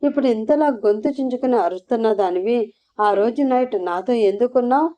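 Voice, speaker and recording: A woman's voice: on the high side, a little fast, dark tone, voice pushed up, close to an everyday voice. A woman voicing an angry, jealous young husband who demands answers in a storybook reading. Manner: accusing, demanding. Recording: slightly muffled lo-fi recording.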